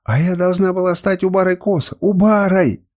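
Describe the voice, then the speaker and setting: A man reading an audiobook voices a proud young noblewoman held captive, shouting and crying in defiance. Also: sits low, wildly swooping pitch, moderate pace, voice pushed down, exaggerated voice. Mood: sobbing.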